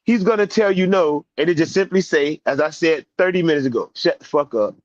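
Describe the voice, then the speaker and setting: Animated man, slightly high, profane casual storytelling, dry dull online-chat audio. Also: brisk, no room sound.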